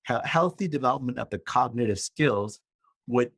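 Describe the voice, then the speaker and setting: A man's voice: mid-range voice, animated, normal speed, creaky, a bit bright, breathy edge, dry recording. A middle-aged man from Malaysia, a guest author and coach explaining his ideas in a podcast interview in a structured way, often checking in with "right?".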